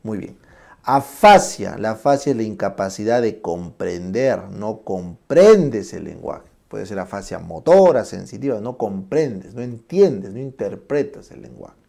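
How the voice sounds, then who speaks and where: A man with a fairly low, gravelly, dark voice and lively intonation gives a classroom lecture. He names terms slowly, acts out examples, and constantly checks in with short tag questions.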